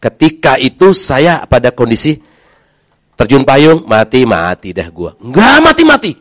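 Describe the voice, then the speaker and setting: A middle-aged man, a preacher telling his own story in a lively way and acting out the voices of the people in it. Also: medium pitch, measured pace, dry recording, studio quality. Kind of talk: lively testimony talk.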